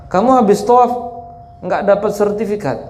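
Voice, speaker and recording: A man's voice: high-pitched, moderate pace, a little mellow, roomy sound, voice pushed up, lightly acted. A man voicing a mocking townsman who teases a naive villager with feigned pity. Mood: teasing. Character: teasing Meccan townsmen, male adults.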